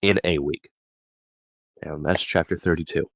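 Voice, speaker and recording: Low-voiced man reading notes aloud. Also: fairly even intonation, unhurried, vocal fry, a bit bright, no room sound, low-quality recording. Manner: reads from notes, stumbles and corrects himself. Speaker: podcast host reading chapter summaries. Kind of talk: casual book discussion.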